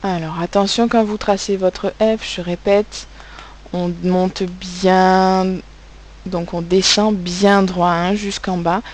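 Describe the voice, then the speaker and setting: A woman's voice: on the low side, steady tone, takes it slowly, a little mellow. A woman teaching young children spelling and handwriting, speaking patiently and spelling out letters and sounds, with a French accent.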